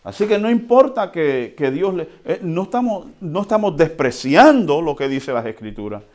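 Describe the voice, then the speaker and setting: A man preaching a sermon in a conversational way, often checking in with the congregation and swinging between quiet and loud. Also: a little high, moderate pace. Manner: lively swings between soft and loud, with chuckles. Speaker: pastor.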